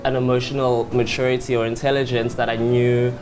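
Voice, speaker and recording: A man's voice: mid-range voice, little pitch movement, brisk. A man in his twenties from South Africa, a talk show guest who chats in a sassy, flamboyant way and laughs often. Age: 20s. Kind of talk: casual talk show chat. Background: background music.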